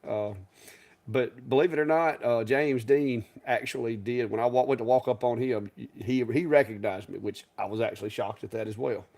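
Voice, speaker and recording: A man's voice: medium pitch, normal speed, gravelly, a little mellow. A man co-hosting a live stream, talking casually in a rambling, folksy way. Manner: rambling, folksy, restarts and chuckles. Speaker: co-host.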